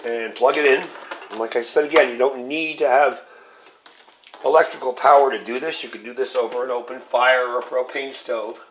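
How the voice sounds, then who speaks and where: Here the cooking-vlog host talks at a moderate pace in a mid-range voice, slightly scratchy since he's recovering from a cold. Easygoing and methodical, he narrates each stage of the process while working with his tools.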